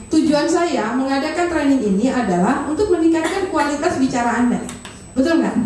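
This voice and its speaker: A woman's voice: sits high, a little mellow. A woman running a live public speaking training, energetically asking her audience for agreement. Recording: echoey room, speaker far from the mic.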